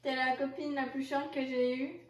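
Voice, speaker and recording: A woman's voice: high voice, flat delivery, moderate pace. A young woman chatting casually and teasing her partner, laughing often. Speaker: vlogger. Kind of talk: casual chat. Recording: roomy and distant from the mic.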